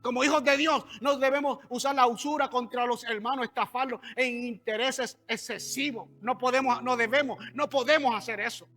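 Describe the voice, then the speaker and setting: High, bright-voiced pastor preaching. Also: male voice, steady tone, normal speed, hardly any pauses, soft background music. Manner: conversational preaching with asides and questions to the congregation. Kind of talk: sermon. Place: church.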